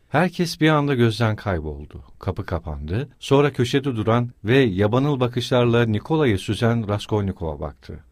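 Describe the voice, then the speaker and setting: Man reading a novel aloud; measured, expressive, animated pitch, dry studio sound. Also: dry recording. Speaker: audiobook narrator. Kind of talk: scripted narration.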